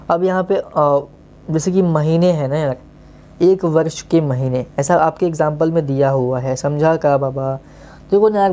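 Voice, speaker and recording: A man's voice: on the high side, dark tone. A male teacher gives a casual online maths lesson, coaxing his students and often checking that they have understood.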